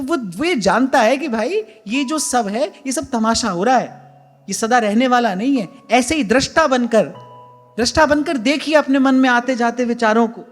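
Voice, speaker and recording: A man, a spiritual teacher, giving a devotional discourse in an earnest way. He repeats key phrases for emphasis and speaks to his listeners as brothers. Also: very high voice. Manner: addresses listeners directly as "brother". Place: ashram hall.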